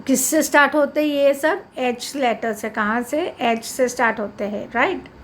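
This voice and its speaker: A woman teacher with an Indian accent who reads English words slowly and clearly, then explains quickly and asks the class questions. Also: sits high, slight background noise. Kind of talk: classroom lesson, slow English reading then fast Hindi explanation.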